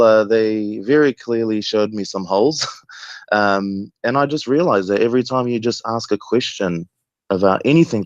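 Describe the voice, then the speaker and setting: An Egyptian man in his thirties calls in to a show, sharing his own views and experience in a conversational way. His voice is lowish, and the remote call connection sounds muffled and echoey.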